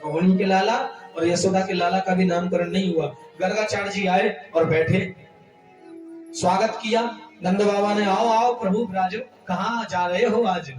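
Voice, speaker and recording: A man's voice: high voice, fairly even intonation, unhurried, roomy sound, far from the mic, faint music behind, low-quality recording. A man giving a devotional discourse as a storyteller preacher, acting out the dialogue of the story. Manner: tells the story in voiced dialogue, breaks into sung Sanskrit verses. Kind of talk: devotional scripture recitation and storytelling.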